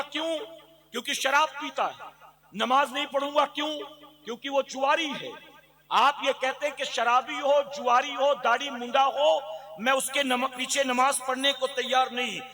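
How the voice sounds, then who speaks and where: A man preaching to a village gathering in a very high, ringing voice. He fires rhetorical questions at the listeners and climbs to loud, driving cries. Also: big-room sound. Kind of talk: sermon.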